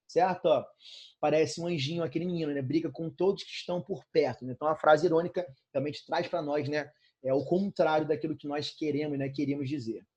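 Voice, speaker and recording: A Brazilian man with a somewhat higher, slightly husky voice teaches an online class from his bedroom. He talks loosely and conversationally, tagging nearly every phrase with a quick check-in to his students. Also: fairly even intonation, a little mellow. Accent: Brazilian Portuguese. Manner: casual, fillers like "né, cara?" and "tranquilo?". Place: bedroom at home.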